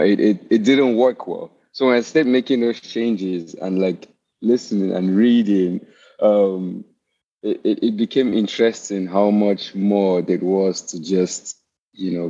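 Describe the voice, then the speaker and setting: A man's voice: low-pitched, mellow. A young man from Cameroon asking a question on a video call, hesitant, with many restarts and "uh"s. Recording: dull lo-fi video call audio.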